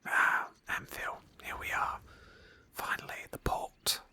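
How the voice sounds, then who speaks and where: This is a slow, breathy ASMR whisper from a woman narrating a roleplay game playthrough as its host, her tone hushed and thoughtful.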